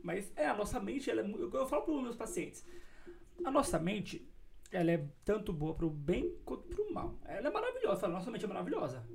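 Woman podcast host, mid-pitched and gravelly, chatty, conversational. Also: big pitch swings, brisk, a little mellow, a little hiss or hum. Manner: chatty, thinks aloud.

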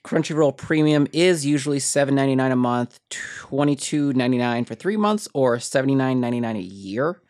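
A woman co-hosts a laid-back gaming podcast and runs through the week's news. Her delivery is relaxed and chatty, with dry little asides between items. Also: extremely low pitch, a little fast, hardly any pauses. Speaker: podcast co-host. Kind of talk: casual chat.

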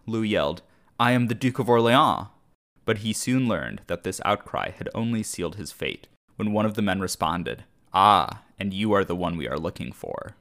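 Deep gravelly man narrating history. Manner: measured storytelling, briefly acting out shouted quotes. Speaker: history podcast host.

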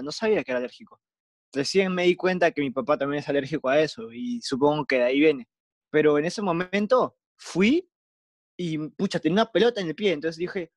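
Young Peruvian man, casual podcast co-host, a touch high, dry close sound, rambling slangy storyteller. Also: dry recording. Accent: Peruvian Spanish. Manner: rambling, slangy, animated anecdotes.

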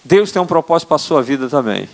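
Older man preaching, high voice, echoing church. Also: very animated, quick pace, gravelly. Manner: earnest preaching, tag questions. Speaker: apostle preaching. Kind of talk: sermon. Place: church sanctuary. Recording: church hall reverb.

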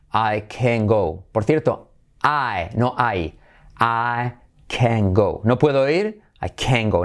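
Male teacher, energetic, bilingual lesson. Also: mid-range voice. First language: Spanish. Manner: enthusiastic, switches between Spanish and English. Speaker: English teacher.

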